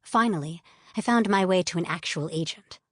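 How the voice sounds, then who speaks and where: A woman narrating a fantasy audiobook in the first person, measured and even. Her voice sits somewhat low, and the studio sound is close and dry. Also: dry recording.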